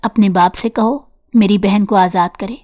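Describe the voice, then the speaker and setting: A woman's voice: medium pitch, steady tone, a little mellow, close to an everyday voice. A furious young man growls threats in a harsh, desperate voice, as a woman reads him aloud. He is driven and stern in this spoken storybook. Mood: threatening.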